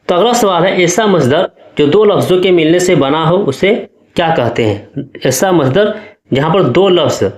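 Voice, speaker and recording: A male teacher with a fairly high voice works through exam questions one by one. He explains each answer patiently and keeps checking that the class follows. The sound has a noticeable room echo. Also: a little mellow. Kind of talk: exam-prep lesson.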